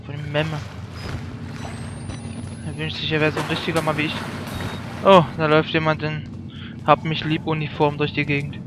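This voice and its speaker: A man narrates his own gameplay with a slightly raised pitch, poking fun at himself as he goes. He yelps and shouts when something startles him. Clear game noise runs under his voice. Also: monotone, moderate pace, long pauses. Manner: jokey, self-mocking running commentary. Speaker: let's play gamer. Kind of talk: let's play commentary.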